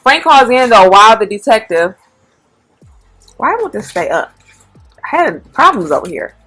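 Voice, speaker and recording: A woman's voice: mid-range voice, moderate pace, breathy edge, faint music behind. Laid-back woman telling a story while eating. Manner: relaxed, slangy retelling with frequent fillers. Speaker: mukbang channel host.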